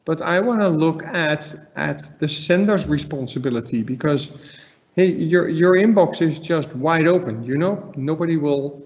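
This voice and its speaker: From his living room, a middle-aged Dutch-accented trainer gives a conversational slide presentation in a somewhat high, mellow, animated voice at an unhurried pace. He is emphatic, repeating words for stress, over slightly dull webinar audio.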